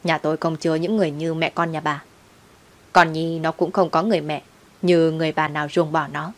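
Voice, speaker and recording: A woman's voice: low voice, level tone, brisk, natural voice. A woman voicing a bitter, blunt man who is out of prison and speaks with scorn. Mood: scornful. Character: bitter man out of prison, sharp-tongued father.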